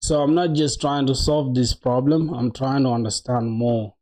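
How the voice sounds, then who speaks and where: A coding livestreamer in his twenties talks through his code casually, like he's answering chat, full of slang and treating viewers as close buddies, calling them bro and dog. His voice is mellow and soft-edged, average in pitch, with fairly even intonation at a normal speed.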